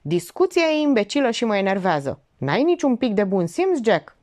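A woman's voice: medium pitch, very animated, darkish tone, pitched above the performer's own voice, close to an everyday voice. A woman voicing a tense, irritable male engineer who speaks curtly. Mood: irritated. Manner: curt, irritable.

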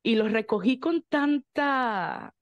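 A young Venezuelan woman, a guest in an interview, telling her story in lively detail, acting out quotes and breaking into song. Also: sits high, slow, muffled recording. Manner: animated storyteller, acts out quotes, bursts into song.

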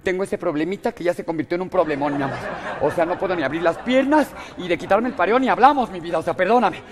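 A woman's voice: fairly low pitch, quick pace, long reverb tail, a crowd in the background, natural voice. A woman with a Mexican accent playing a vain, dramatic blonde actress in a live comedy sketch, gushing and calling everyone "mi vida". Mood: diva huffing. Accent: Mexican Spanish. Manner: campy, gushing, peppers lines with "mi vida" and "hello". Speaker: comedy performer.

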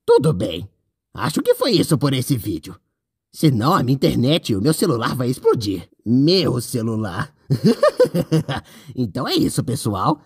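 Someone voicing Bendy, a gravelly, boastful ink demon. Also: mid-range voice, huge pitch swings, a little slow, no room sound, full character voice. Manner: playful, boastful, exclaims often. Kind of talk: in-character gaming commentary.

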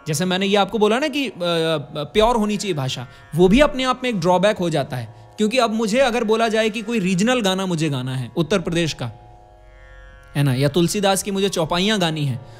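Speaking into a studio condenser mic placed close in front, this vocal music teacher in his twenties gives an instructional talk on singing and diction from a curtained indoor studio, with faint music in the background. He has a high voice and an Indian accent. Step by step, he explains, demonstrates sounds and checks in with tag questions.

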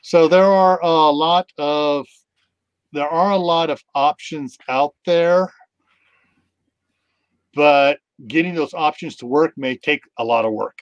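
A middle-aged man hosts a casual video call chat, talking slowly with long pauses in a voice on the high side. He rambles with lots of ums and you knows. The webcam audio is dull and dry, with no echo.

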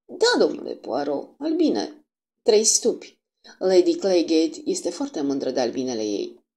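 A woman voicing a dull, prim young governess who talks in a flat, fussy way. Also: low voice.

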